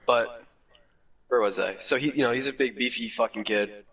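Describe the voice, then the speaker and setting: A man's voice: mid-range voice, moderate pace, fairly bright tone, slightly rough. A teenage boy retells a story in loose, casual chat. He rambles and swears, leaning hard on "like" fillers. He sits some distance back from the microphone. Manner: rambling, profane, heavy with "like" fillers. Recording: distant from the mic.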